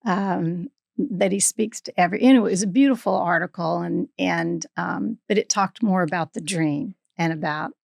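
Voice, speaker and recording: A woman's voice: lowish voice, moderate pace, vocal fry, dry recording, clean studio sound. A woman, a guest on the show, telling a story in a chatty way, with many "um"s and "you know"s. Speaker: guest, farm founder. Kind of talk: casual storytelling.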